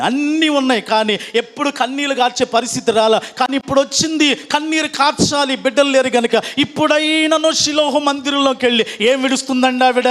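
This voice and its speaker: A man's voice: very high voice, fairly bright tone. A man. He calls out questions and has the congregation answer back, slipping English phrases into his sermon. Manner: call-and-response preaching, prompting the congregation to repeat; mixes English phrases into Telugu preaching. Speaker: pastor.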